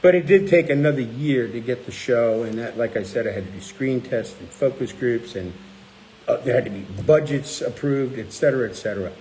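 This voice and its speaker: A man's voice: medium pitch, a little fast, a little hiss or hum, poor audio. A middle-aged man hosting a casual chat, telling stories and acting out the people he quotes. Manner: animated, acts out quoted people. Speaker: cookbook author and channel host.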